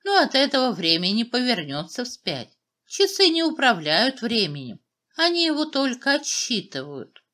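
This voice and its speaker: A dignified old clockmaker who speaks steadily and refuses to bend, as a woman reads him in a children's storybook. His voice sits a little lower than the narration, calm and firm. He sounds wise and unshaken. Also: normal speed.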